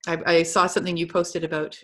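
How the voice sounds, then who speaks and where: A middle-aged woman co-hosting a casual video-call chat, agreeable and quick to laugh. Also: on the low side, little pitch movement, fairly bright tone. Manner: chatty, agreeable, laughs often. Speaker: co-host of essential oils show.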